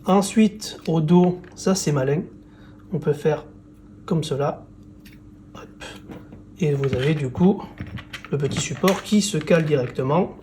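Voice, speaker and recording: Relaxed, mellow-voiced man reviewing gadgets. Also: fairly high pitch, unhurried, long pauses, a little hiss or hum. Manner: casual, relaxed, with many fillers. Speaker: tech reviewer. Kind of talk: product presentation and unboxing.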